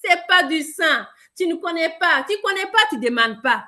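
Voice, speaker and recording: Woman from Burkina Faso, high voice, emphatic sales trainer talking straight to the audience. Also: normal speed. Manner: lively, emphatic, addresses listeners directly. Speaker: product presenter.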